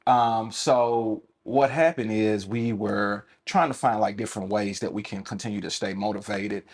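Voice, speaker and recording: A man's voice: lowish voice, fairly even intonation, moderate pace. A man from West Tennessee, a club co-founder speaking as an interview guest in an easygoing way. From Milan, West Tennessee. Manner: easygoing, uses fillers like "like" and "uh". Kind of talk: casual interview talk.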